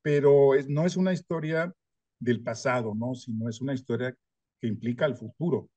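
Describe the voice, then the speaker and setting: Older male historian, thoughtful interview guest, mid pitch, dry recording. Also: normal speed, warm tone, no echo. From northern Mexico. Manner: thoughtful, frequent tag questions, light self-deprecating humor. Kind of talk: reflective interview answer.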